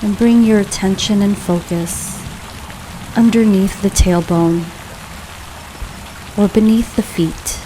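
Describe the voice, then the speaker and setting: A woman leading a guided grounding meditation in a calm, soothing, unhurried way, leaving long pauses between phrases. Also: medium pitch, low-quality recording. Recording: steady rain noise behind voice. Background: rain falling.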